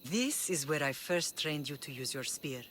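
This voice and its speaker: A woman's voice: sits low, lively intonation, normal speed, fairly bright tone, slight background noise. An actress playing a stern, protective middle-aged Spartan mother who speaks in a firm, instructive way.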